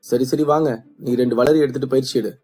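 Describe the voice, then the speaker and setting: A man doing a calm, kind young trainer. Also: medium pitch, a little fast, lightly acted.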